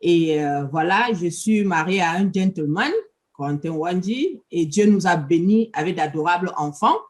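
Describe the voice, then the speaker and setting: A middle-aged woman from Cameroon, an interview guest, answers questions politely but hesitantly, with many fillers. Her voice is lowish and animated, at a measured pace.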